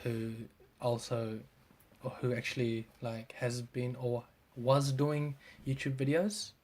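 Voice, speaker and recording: A man's voice: mid-range voice, level tone, takes it slowly, a little mellow. A man chatting casually as a podcast guest, laid-back, swearing freely and trailing off. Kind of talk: casual chat.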